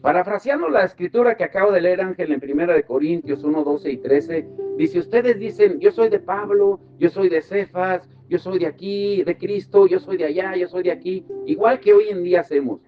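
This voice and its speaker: With a high voice at a moderate pace, the man delivers a teaching sermon as a pastor leading a devotional Bible study. Rhetorical questions and directions to specific verses guide his group. Music plays behind the slightly dull recording.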